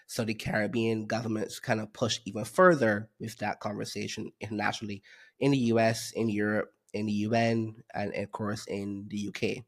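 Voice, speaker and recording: A man from Barbados, a guest economist on a podcast interview, explaining his views in a measured way with frequent fillers. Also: lowish voice, little pitch movement.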